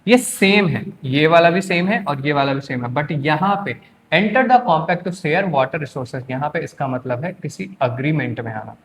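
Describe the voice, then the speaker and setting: A man's voice: a little high, lively intonation, unhurried, a bit bright. A man teaching English for an exam, quizzing students with repeated questions. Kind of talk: exam-prep lecture.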